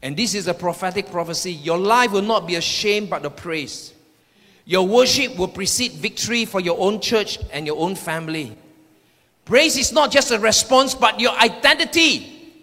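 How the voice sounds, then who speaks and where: Animated and forceful, a man with a high, bright voice preaches at a normal speed, giving the congregation personal prophetic words. He declares points emphatically and repeats phrases, while the echoing hall adds a long reverb.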